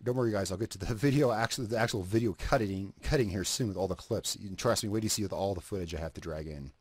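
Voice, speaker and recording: In rapid-fire speech, a man with a fairly low, slightly rough voice comments casually on a screen recording of his video edit, cigarette in mouth. He thinks out loud, drops and restarts sentences, and swears casually, with no echo on the audio.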